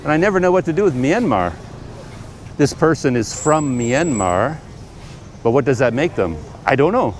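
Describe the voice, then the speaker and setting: Strolling a crowded outdoor market, a Canadian man vlogs casually to camera, musing out loud with frequent pauses and fillers. His medium-pitched voice swings widely in pitch, and the camera mic catches traffic, trucks and street noise around him.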